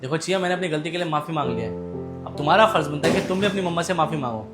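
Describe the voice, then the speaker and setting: A man acting as a hot-tempered husband and father, shouting at times and speaking softly when he apologizes, in a family drama skit. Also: fairly high pitch, expressive, very fast, music in the background, lightly acted. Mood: apologetic.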